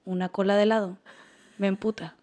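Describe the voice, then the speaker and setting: A woman's voice: mid-range voice, little pitch movement, brisk, warm tone. A Mexican woman co-hosting a casual chat in a mid-range voice. She speaks frankly and bluntly, and swears without holding back. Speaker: podcast co-host.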